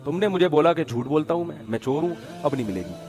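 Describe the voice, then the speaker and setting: A man voicing a poor but proud male vegetable seller, speaking low, quiet and firmly offended. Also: big pitch swings, soft background music. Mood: hurt, firm.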